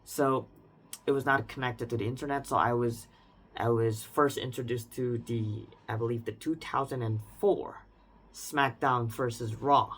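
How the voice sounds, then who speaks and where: Speaking off the cuff in a reflective personal monologue, a twenty-something male vlogger with an Indonesian accent keeps restarting and hedging, using phrases such as "I would say." His voice is mid-range and a bit bright, with fairly even intonation and a slightly slow pace, over slight background noise.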